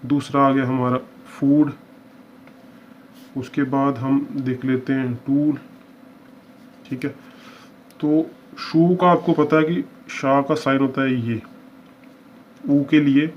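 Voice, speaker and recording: Man teaching a slow, patient lesson. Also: medium pitch, fairly even intonation. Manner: explains patiently, often checks understanding. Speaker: shorthand teacher. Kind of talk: step-by-step lesson. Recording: dull lo-fi with faint hiss.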